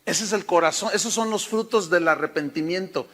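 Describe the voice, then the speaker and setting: High, bright Mexican-accented preacher. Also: male voice, fairly quick, in a large hall. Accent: Mexican Spanish. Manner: folksy storytelling, addresses listeners as hermano. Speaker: pastor. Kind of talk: sermon.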